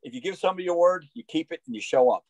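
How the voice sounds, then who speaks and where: A man's voice: a little high, rapid-fire, no room sound, poor audio. Upbeat man in his sixties, dry sound. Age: 60s. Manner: upbeat, energetic, many "you know" fillers. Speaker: guest, roofing salesman. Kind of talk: casual interview chat.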